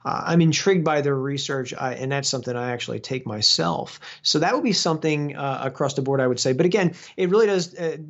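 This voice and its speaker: A guest exercise physiologist explains at length in a casual interview over a call, chatting with many fillers and restarts. His voice is on the high side and gravelly, with a quick pace and few pauses. The recording has a dull lo-fi sound.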